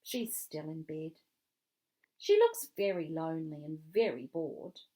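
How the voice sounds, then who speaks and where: A woman reading a children's book aloud with clear, expressive storytelling. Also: deep voice, measured pace. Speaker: reader.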